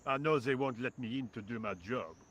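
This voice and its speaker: A man plays a work-shy French painter in a point-and-click game. He speaks with a French accent in a dry, indifferent drawl at a middling pitch, with a faint hum of crickets behind. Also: fairly quick, fairly bright tone, lightly acted. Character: lazy sarcastic French workman painter. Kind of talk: video game voice acting.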